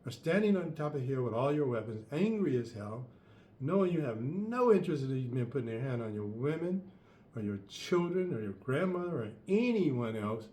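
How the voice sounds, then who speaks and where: Emphatic male storyteller in a roomy room. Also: moderate pace. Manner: lively storyteller, sudden pitch jumps, emphatic. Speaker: podcast host. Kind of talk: storytelling talk to listeners.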